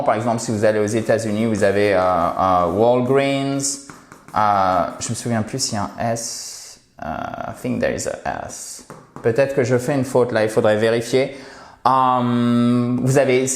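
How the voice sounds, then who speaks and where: French-speaking man teaching English, roomy sound. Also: mid-range voice. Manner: switches between French explanation and slow, drawn-out English model phrases; stresses pronunciation, repeating words. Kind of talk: casual video lesson. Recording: roomy echo.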